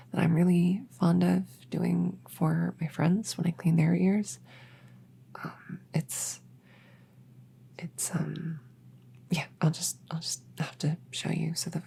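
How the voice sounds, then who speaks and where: A shy, smitten elf woman, acted by a woman in a soft whispered role-play. Her voice is extremely breathy with a creaky fry, and she moves very slowly through hesitant, rambling, gently caring sentences full of awkward stammers. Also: fairly low pitch, exaggerated voice.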